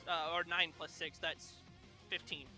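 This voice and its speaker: A man's voice: a little high, fairly even intonation, a little slow, sharp tone. A man chatting casually as a player in a tabletop role-playing game. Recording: music in the background.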